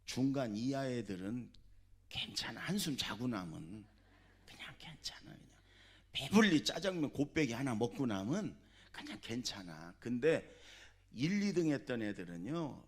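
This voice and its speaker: A middle-aged man preaching a sermon as pastor, animated, dropping to soft asides and rising to loud exclamations. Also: medium pitch, moderate pace, breathy edge.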